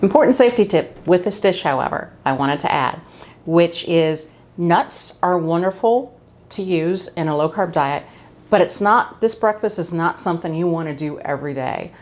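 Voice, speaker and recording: Middle-aged woman, lowish voice, chatty cooking host with a casual, friendly home-kitchen delivery. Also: expressive, moderate pace, darkish tone. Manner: chatty, friendly, with fillers and asides.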